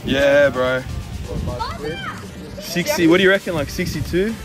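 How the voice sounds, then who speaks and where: Excited bloke cheering on a pier. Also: male voice, on the high side, a little slow. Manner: excited, urging and exclaiming. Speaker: angler. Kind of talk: live excited commentary. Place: outdoors on a harbour pier. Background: loud music.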